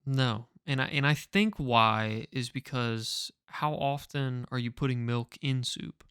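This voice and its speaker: A young man co-hosting a podcast, trading jokes in quick casual banter. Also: medium pitch, clean tone, dry recording, studio quality. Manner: joking, lively, quick banter. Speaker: podcast co-host. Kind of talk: casual chat.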